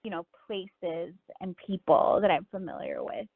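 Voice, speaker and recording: A woman's voice: fairly low pitch, moderate pace, vocal fry, husky, dry recording. A woman from Miami speaking casually and reflectively as a guest author in an interview, often saying "like" and "you know.". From Miami, United States. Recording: narrow phone-line sound.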